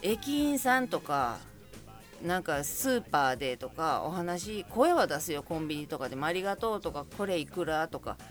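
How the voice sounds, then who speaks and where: A woman's voice: low-pitched, sing-song, moderate pace, faint music behind. A woman with a Kansai accent, chatting alone as podcast host and telling a story with laughs along the way. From Kansai region of Japan. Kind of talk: casual solo monologue.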